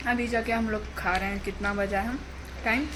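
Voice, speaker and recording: Chatty young woman, flat steady tone. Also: mid-range voice, normal speed. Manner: chatty, rambling storytelling. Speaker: vlogger. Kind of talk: casual family vlog narration. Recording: faint background noise.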